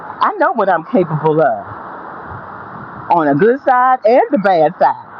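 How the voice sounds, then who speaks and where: A motivational vlogger talks while out walking, giving a blunt, emphatic, profane monologue of casual straight talk and repeating phrases to hammer points home. The voice is medium-pitched, sing-song, and a little slow, on dull lo-fi audio with faint background noise.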